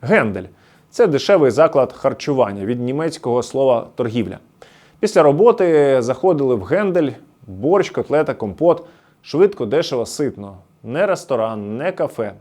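A man's voice: medium pitch, sing-song, moderate pace, a little mellow. A man from the Luhansk region giving scripted documentary narration, storytelling nostalgically as he explains words one by one. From Luhansk region, Ukraine.

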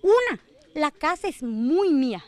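A woman giving a halting, emotional news testimony at her home. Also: sits high, big pitch swings, dry recording. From Argentina. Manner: halting, emotional retelling with restarts. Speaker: interviewee, assault victim.

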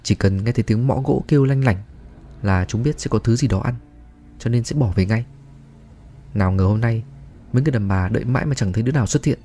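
Man, horror story narrator, low pitch, dark tone, faint music behind. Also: fast talker, pauses often.

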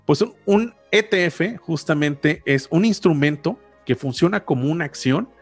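Speaking close into a large boom-arm studio mic, a podcast host in his thirties with a Mexican accent walks through finance topics casually, frequently correcting himself. His voice sits on the high side with lively intonation at a normal speed, over soft background music.

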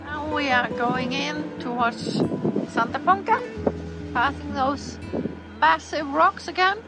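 Middle-aged woman rambling easy and chatty on a sailboat vlog, highish voice, music underneath. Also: slow pace, rough recording. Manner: relaxed, chatty, with many restarts and fillers. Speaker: sailing vlogger. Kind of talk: casual vlog narration. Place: on a sailboat at sea.

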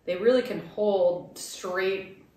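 A woman's voice: mid-range voice, slow, warm tone. A bubbly, playful woman co-hosting a cooking show and laughing easily as she chats. Her voice sits in a middle range. It rings around a very echoey kitchen, heard from a mic some distance away. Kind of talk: casual cooking demo chat. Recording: very echoey room, mic far off.

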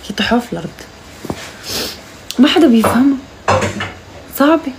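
A young Moroccan woman with a Moroccan accent, chatting casually and teasingly on a live stream, now and then calling out loudly to her mother. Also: medium pitch, animated, fast talker, heavy background noise.

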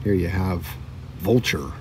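Middle-aged guy w a low voice showing off toy cars, kinda far from the mic, wind noise. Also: unhurried. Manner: relaxed, chatty, reads card backs aloud. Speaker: diecast collector vlogger. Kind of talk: casual show-and-tell narration. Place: outdoor table by a lake on a windy day.

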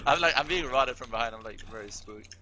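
A young man talks casually while gaming with friends. He laughs often and keeps up a loose, chatty flow. His pitch sits in the middle, and there is a crowd murmur behind him. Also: a little fast. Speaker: gamer.

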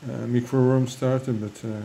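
A man's voice: mid-range voice, little pitch movement, moderate pace, gravelly, warm tone, a little hiss or hum, rough recording. A man with a French accent talking casually about his fish breeding, hesitant and full of fillers and restarts. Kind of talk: casual hobby vlog.

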